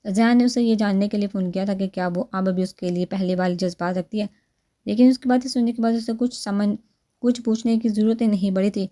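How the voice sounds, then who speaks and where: A woman narrates a romantic novel in a calm, steady reading. Her voice is mellow and on the darker side. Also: mid-range voice. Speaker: audiobook narrator.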